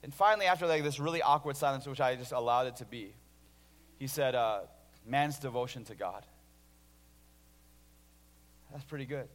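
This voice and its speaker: A man in his thirties from Illinois preaching a sermon as a pastor, telling stories with lively restarts and swings between loud and hushed delivery. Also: medium pitch, normal speed, long pauses. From Illinois, USA. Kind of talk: sermon with personal story. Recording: long hall reverb.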